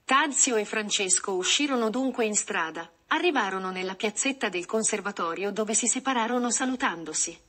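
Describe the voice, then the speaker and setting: A woman narrating a short story aloud in a steady, measured reading. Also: mid-range voice.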